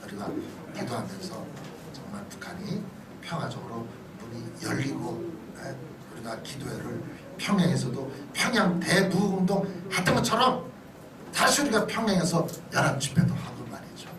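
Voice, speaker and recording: A crowd can be heard behind a middle-aged pastor whose high, very animated voice moves at a moderate pace. He gives a conversational, sermon-style lecture dotted with quick questions to make sure his listeners are following. The recording comes from a distant mic in an echoey, noisy church hall.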